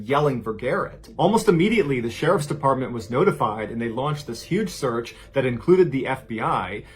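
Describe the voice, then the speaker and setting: Man telling a true mystery story. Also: mid-range voice. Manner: conversational, present-tense storytelling with steady suspense. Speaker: podcast host and storyteller.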